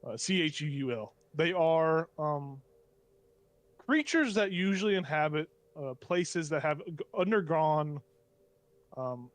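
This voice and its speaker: A man with a slightly high voice acts as game master, recorded close and dry. He describes scenes off the cuff, pausing and searching for words, and slips into casual, slangy table talk. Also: animated, no echo.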